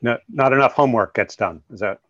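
A man's voice: medium pitch, fast talker, fairly bright tone, no echo. A man hosting a podcast interview, asking questions with frequent hesitations and restarts over a video call. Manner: hesitant, many restarts and fillers. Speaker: podcast host. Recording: dull lo-fi sound.

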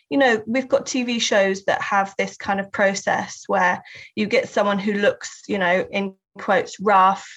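Here an English guest artist and writer talks thoughtfully in an interview, her Southern English accent carried by a medium, slightly bright voice. She laughs a lot and frequently starts her sentences over, and the audio has a somewhat dull, lo-fi quality.

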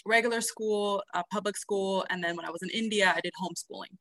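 Bright-voiced woman in her thirties. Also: medium pitch, steady tone, fast, dry recording. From South America. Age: 30s. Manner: soft, hesitant, many ums. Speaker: podcast guest, nurse. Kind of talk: casual interview answers.

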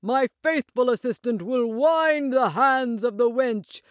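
A woman voicing a grand, showy male circus ringmaster in a storybook reading, announcing with slow flourish. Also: dry recording, studio quality. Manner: booming showman announcements. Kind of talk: storybook character voice.

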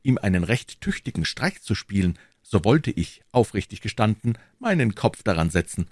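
A man's voice: on the low side, sing-song, normal speed, no echo, studio quality. A man voicing an ardent, bold young Gascon swordsman, speaking earnestly and with passion. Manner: earnest, impassioned.

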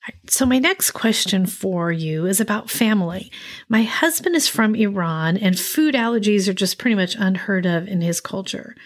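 A middle-aged woman with a mid-pitched voice, hosting a casual interview. She talks with empathy and often restarts her sentences eagerly. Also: animated, normal speed. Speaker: host, parent of a child with food allergies.

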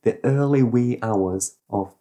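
A man retelling a story in casual podcast chat, animated and rambling, with sound effects. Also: mid-range voice, slow pace. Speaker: podcast host.

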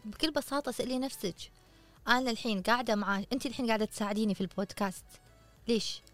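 A woman's voice: on the high side, very fast, soft background music. A woman hosting a podcast, giving earnest, coaching advice in a casual way and putting questions to her listeners. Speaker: podcast host.

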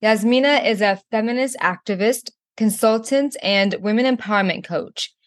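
A woman's voice: a little high, moderate pace. A woman co-hosting a podcast, reading a scripted introduction and asking questions in a casual way. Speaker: podcast co-host.

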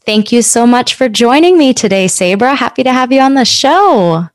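A woman's voice: fairly high pitch, animated, normal speed, no echo, studio quality. A woman hosting a podcast, welcoming listeners and interviewing a guest in an upbeat way. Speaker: podcast host.

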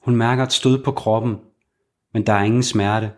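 A man reading a crime thriller aloud as a narrator, with a measured, even storytelling delivery. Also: medium pitch.

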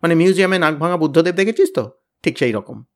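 A man voicing a bossy, blustering teenage boy who leads his gang, loud, threatening and boastful. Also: a little high, lively intonation, fast, pitched above the performer's own voice. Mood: bullying. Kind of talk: storybook reading.

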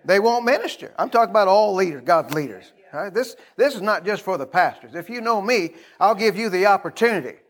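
A man's voice: sits high, expressive, fairly quick, hardly any pauses. A middle-aged American man preaching an informal sermon as a pastor, in a folksy, conversational manner, repeating phrases and prompting his listeners to respond.

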